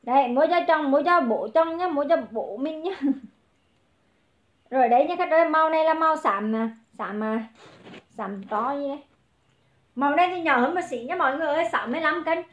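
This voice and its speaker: High-voiced woman hawking clothes on a livestream. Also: echoey room, muffled recording. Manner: brisk, calling out prices to viewers. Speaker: online clothing seller. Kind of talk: livestream sales pitch.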